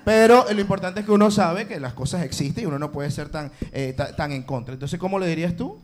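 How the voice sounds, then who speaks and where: A man's voice: sits high, fast, slight background noise. A man co-hosting a casual talk show, joking crudely, teasing and swearing freely. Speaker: podcast co-host. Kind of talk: casual banter.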